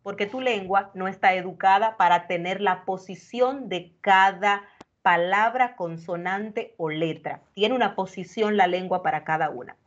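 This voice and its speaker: The audio from this video call is dull, carrying a woman's medium-pitched voice at a normal speed. She is a speech coach in a live online workshop, reassuring a participant as she explains her feedback and addresses them directly.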